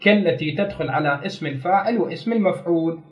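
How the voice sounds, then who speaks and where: A man's voice: on the high side, lively intonation, fast, lo-fi sound. A man teaching a grammar lesson, explaining step by step, repeating key terms and putting questions to his students. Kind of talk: classroom lecture.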